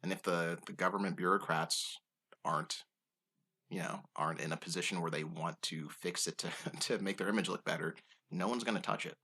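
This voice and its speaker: A man's voice: deep voice, fairly even intonation, brisk, bright, forceful tone, breathy edge. A young man co-hosting a podcast, chatting casually and explaining his opinions, often saying dude. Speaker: podcast co-host. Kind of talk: casual chat.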